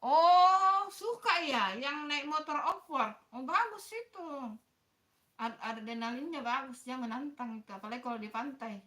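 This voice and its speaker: A woman's voice: sits high, expressive, measured pace, bright, forceful tone. A woman hosting a casual livestream, chatting with viewers, greeting them by name and apologizing often. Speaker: livestream host.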